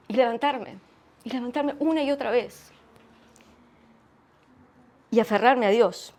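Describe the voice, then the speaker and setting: Middle-aged Argentine woman, church testimony, earnest and reflective, halting with many restarts. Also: fairly high pitch. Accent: Argentine Spanish. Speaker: guest speaker sharing testimony.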